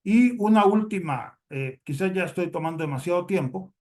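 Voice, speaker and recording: A man with a fairly high voice comments during a seminar question round. He explains his point slowly and hesitantly, often repeating words before he goes on. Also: lively intonation, darkish tone. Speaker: audience member commenting.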